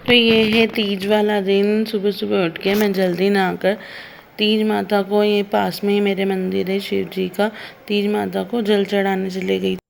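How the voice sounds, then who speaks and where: A woman's voice: mid-range voice, level tone, a little slow, gravelly, slight background noise, poor audio. A woman, vlogging in a casual chatty way and talking straight to her viewers, with a slight cough. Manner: chatty, addresses viewers directly. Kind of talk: casual vlog narration.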